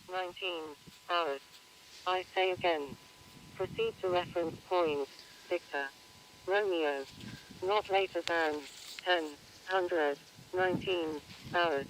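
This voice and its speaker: A synthetic male radio operator voice heard over a radio transceiver, giving clipped procedure words and spelled-out letters. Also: high voice. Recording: noisy radio receiver audio.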